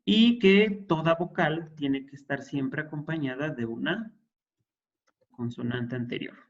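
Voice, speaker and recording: A man's voice: a little high, measured pace, muffled recording. A man teaching an introductory Hebrew class, explaining patiently and checking in with his students. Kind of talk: classroom lesson.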